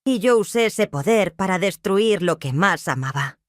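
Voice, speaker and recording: A woman's voice: medium pitch, lively intonation, normal speed, no room sound, clean studio sound, natural voice. A woman voicing a tormented grieving widow. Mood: despairing. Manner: sobbing, trembling confession. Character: grief-stricken widowed mother, guilt-ridden, tormented.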